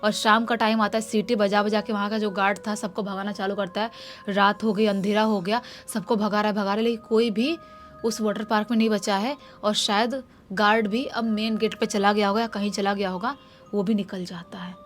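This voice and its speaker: A woman's voice: medium pitch, steady tone, a little fast, faint music behind. A woman narrating a horror story in a casual way and acting out the dialogue of the people in it.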